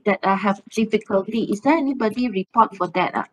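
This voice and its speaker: A woman, a student on a video call, asking a question in a halting way with many fillers. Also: mid-range voice, rough recording.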